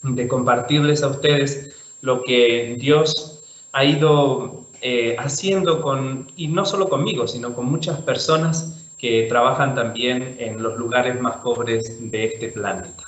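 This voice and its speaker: A man, a priest giving an online talk with slides, relaxed and thinking aloud with fillers and restarts. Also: mid-range voice, slow pace. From Chile. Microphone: video call. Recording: roomy, dull video call audio.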